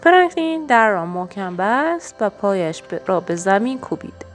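A woman narrating a children's storybook in an expressive, storytelling way. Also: medium pitch, soft background music. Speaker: storybook reader.

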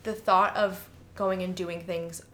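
A woman's voice: fairly low pitch, steady tone, takes it slowly, fairly bright tone. A young woman from Chicago with a Chicago accent, co-hosting a podcast in frank, chatty talk. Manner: chatty and frank, with "like" and some swearing. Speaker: podcast co-host. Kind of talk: casual chat.

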